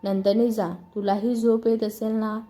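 A woman reading a storybook, voicing a gentle, caring older mother-in-law who coaxes kindly. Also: on the high side, flat delivery, a little slow, soft background music, close to an everyday voice. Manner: soft, kindly coaxing.

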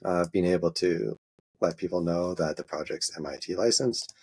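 A man with a very deep, gravelly voice that has a husky edge, guesting on an interview as an open source maintainer. He walks through a software demo in a halting, easygoing way, dotted with filler sounds. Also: steady tone.

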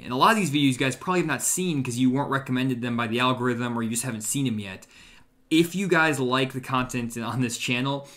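A young male host chats over a video call from his room at home, eagerly pitching and recommending with plenty of ums and likes. His voice sits at an everyday middle pitch, relaxed and conversational. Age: young adult. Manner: enthusiastic promotional pitch with fillers. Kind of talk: casual live-stream chat.

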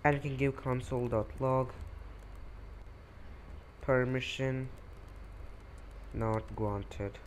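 A man's voice: mid-range voice, steady tone, drawn-out words, long pauses, slight background noise. A man hosting a coding tutorial, walking through code step by step with occasional fillers over a screen recording.

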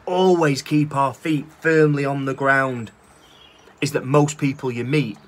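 With a medium-pitched, fairly even voice at a slightly slow pace, a Northern English man in his thirties recites his own spoken word poem. It is rhythmic and rhyming, cheeky, and laced with swearing. He films outdoors against a brick wall on a phone at arm's length.

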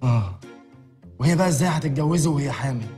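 An actor with an Egyptian accent playing a brash, mocking ex-husband with a taunting manner. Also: male voice, mid-range voice, animated, fast, warm tone, faint music behind, natural voice. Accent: Egyptian Arabic. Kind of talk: Egyptian film comedy acting.

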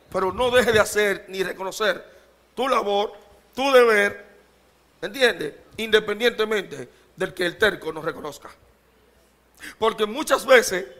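High-voiced animated male preacher. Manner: animated, calls out to the congregation, asks rhetorical questions; humorous, laughs often. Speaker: pastor. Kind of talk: preaching sermon to a congregation.

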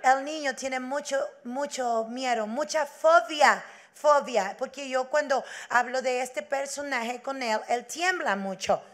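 A woman voicing a female school psychologist who lectures slowly and softly. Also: high-pitched. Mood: lecturing. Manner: slow, measured, soft-spoken, preachy.

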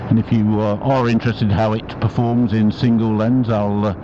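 A man's voice: lowish voice, little pitch movement, moderate pace, lo-fi sound. A man chatting casually as he vlogs from a motorbike, recorded on a mic inside his helmet. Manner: chatty, conversational. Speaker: motovlogger. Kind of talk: casual vlog commentary while riding. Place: outdoors on a motorbike on country roads. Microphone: wireless mic inside a helmet. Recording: band-limited helmet mic, loud wind and engine noise. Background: wind and motorbike noise.

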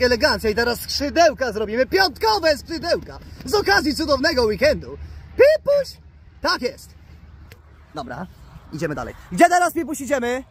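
A man vlogging outdoors by the water, excitedly coaxing his pet bird and calling its name. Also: very high-pitched. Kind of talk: casual outdoor vlog.

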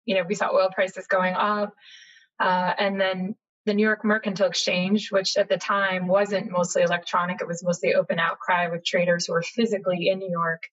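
A middle-aged American woman speaks from a room at home over a slightly dull, lo-fi video call. She tells stories in a chatty, animated way, full of little fillers, with a voice of ordinary pitch for a woman. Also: normal speed. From United States, Boston area. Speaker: journalist guest. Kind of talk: casual interview conversation.

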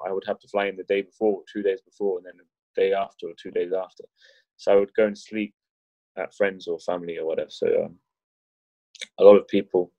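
A man with a low voice tells stories in a loose, joking way, often restarting his sentences. The recording sounds muffled and dull, and it is very dry. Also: dark tone, dry recording. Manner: rambling, many restarts, jokey. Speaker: wheelchair rugby league player, podcast guest. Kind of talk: casual chat.

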